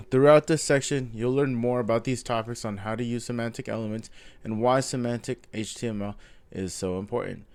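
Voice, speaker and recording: A self-taught coding vlogger with a lowish voice and darkish tone reads a coding course aloud, stuffy-nosed from a cold. He takes it casually, thinking aloud as he follows along, with frequent ums and self-corrections.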